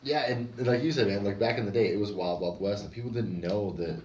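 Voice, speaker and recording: A man's voice: on the low side, brisk, reverberant, over a noisy crowd. A man from Oregon telling rambling, profane stories about his past in a casual podcast chat. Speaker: podcast host and former fighter.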